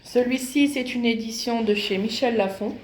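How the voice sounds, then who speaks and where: A woman's voice: fairly high pitch, moderate pace, darkish tone. Chatty woman in an echoey room. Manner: chatty, hesitant, many fillers. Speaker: vlogger. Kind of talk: casual book show-and-tell. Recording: echoey room with faint noise.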